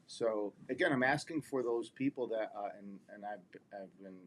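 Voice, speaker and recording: A man over forty is hosting a podcast and asking his guest plain questions in a casual way. His voice sits on the lower side. A faint hiss runs under the recording. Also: moderate pace, fairly bright tone. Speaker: podcast host.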